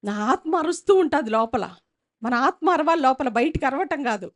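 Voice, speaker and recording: A woman preaches a sermon into a church microphone. Her voice sits high, and she builds emphasis by repeating short phrases and abruptly getting louder. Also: animated, normal speed. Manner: emphatic, repetitive preaching with sudden loud rises. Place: church service.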